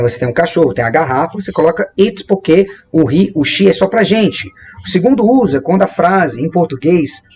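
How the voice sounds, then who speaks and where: A man from Brazil teaching English grammar, lively and repeating example sentences slowly and with emphasis. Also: high-pitched, dull audio. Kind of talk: explaining grammar at a whiteboard.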